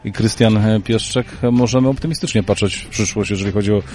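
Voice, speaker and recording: A man's voice: on the low side, quick pace, darkish tone. A male sports reporter interviewing riders and a coach and reading results, asking short leading questions.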